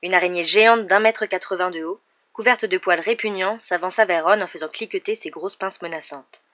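A woman reading a novel aloud in steady, clear storytelling, on a muffled lo-fi recording. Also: lowish voice, fairly quick. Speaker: audiobook reader.

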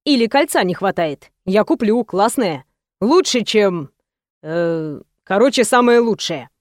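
A woman's voice: mid-range voice, expressive, measured pace, dry recording, clean studio sound, lightly acted. A woman voicing a playful, cocky young man in love, with a teasing, tender and brash manner, in an audiobook.

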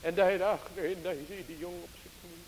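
A man preaching a sermon, slow and emphatic, drawing out his exclamations and speaking straight to the congregation. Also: high voice, steady tone. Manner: addresses the congregation directly. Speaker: pastor. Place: church. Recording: hissy 1980s church tape with long reverb.

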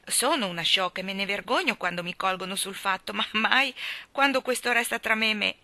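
A woman reading an audiobook, voicing a gentle, lonely woman in her forties who speaks softly and earnestly with a bashful edge. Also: medium pitch, fairly quick, no room sound. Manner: soft, earnest, a little bashful. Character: gentle lonely woman of forty-five, whimsical, shy.

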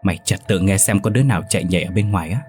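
A man voicing a jumpy young male student lodger who asks quick, uneasy questions. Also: deep voice, darkish tone, soft background music, lightly acted.

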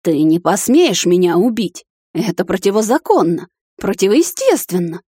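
A woman voicing a sly old female witch with a creaky voice, cooing one moment and shrieking with rage the next. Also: medium pitch, very animated, normal speed, warm tone, no echo, studio quality. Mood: furious.

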